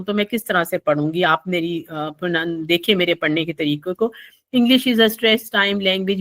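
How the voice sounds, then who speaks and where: A woman, an online English tutor giving a recorded lecture, who explains patiently, repeats points, and often fills pauses. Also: fairly high pitch, fairly bright tone.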